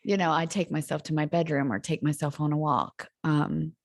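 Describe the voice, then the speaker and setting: A woman's voice: low-pitched, fairly even intonation, moderate pace, no room sound, studio quality. A woman guest on a podcast, speaking candidly and reflectively in casual conversation, laughing easily.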